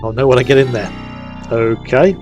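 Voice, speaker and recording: Over music, a hay-fever-sniffly man chats his way through a game stream, recapping the plot in a rambling style peppered with "um." His voice is medium-pitched with fairly even intonation.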